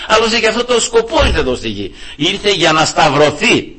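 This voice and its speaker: A man's voice: high voice, big pitch swings, bright, forceful tone, breathy edge. A male preacher delivering an emphatic sermon, often turning to address the brethren directly.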